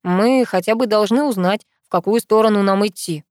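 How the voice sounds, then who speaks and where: A woman's voice: medium pitch, moderate pace, darkish tone, no room sound, studio quality, lightly acted. A woman reading the part of a teasing young man, the narrator's best friend, in an audiobook, with a playful, mocking manner. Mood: matter-of-fact.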